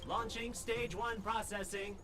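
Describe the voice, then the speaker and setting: A stiff robot scout. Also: male voice, high voice, a little slow, background noise. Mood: mechanical. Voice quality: flat, clipped machine voice. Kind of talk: game voice acting. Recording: game audio with music.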